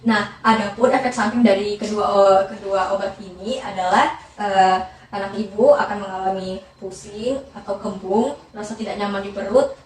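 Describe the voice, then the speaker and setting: A woman's voice: medium pitch, fairly even intonation, normal speed. A young woman speaking in a polite, somewhat hesitant customer service voice, in a rehearsed counseling role-play. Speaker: pharmacist and patient's mother in a counseling role-play. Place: echoey indoor room, away from the mic. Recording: very echoey room, distant mic, faint noise.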